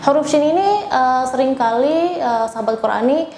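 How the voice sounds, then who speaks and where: Recitation teacher: Indonesian woman, slightly high voice, over-enunciated demonstrations, roomy echo. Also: darkish tone. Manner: over-enunciates example sounds and words, slowly drawn out. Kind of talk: spoken lesson with feedback and demonstrations. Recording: echoey room, faint background noise.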